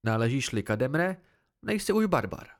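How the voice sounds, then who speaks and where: A man's voice: mid-range voice, big pitch swings. A man voicing a stern, confident woman who teaches swordcraft, blunt and instructive in an amateur audiobook reading.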